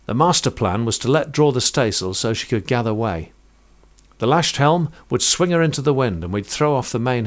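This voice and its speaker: A man narrating a first-person sea story in a vivid, measured way, rich with sailing terms. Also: medium pitch.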